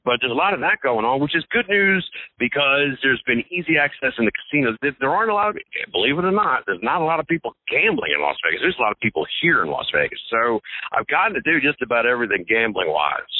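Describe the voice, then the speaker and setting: Male regular co-host, mid-pitch, rambling and jokey with stammers, phone-line audio. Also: big pitch swings, quick pace, dry recording. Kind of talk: casual podcast chat. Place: Las Vegas hotel. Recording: tinny phone line, dry.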